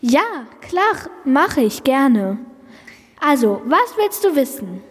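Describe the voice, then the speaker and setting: A woman's voice: high voice, sing-song, slow, long reverb tail, heavily acted. A young speaker voicing a friendly female Brachiosaurus who patiently explains facts in a children's podcast play. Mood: friendly explaining. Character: friendly female Brachiosaurus, calm plant-eater.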